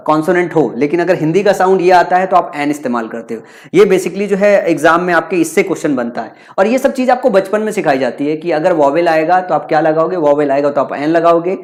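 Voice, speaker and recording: In a high-pitched voice, a man teaches an exam-prep grammar lesson, calling his students "bachcha." He drills each point by posing rhetorical questions and answering them himself, repeating the same idea over and over.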